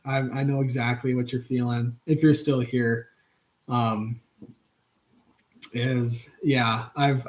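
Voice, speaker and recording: A man's voice: medium pitch, a little mellow. Rambling casual man on a live stream. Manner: loose and rambling, lots of fillers and restarts. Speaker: channel host.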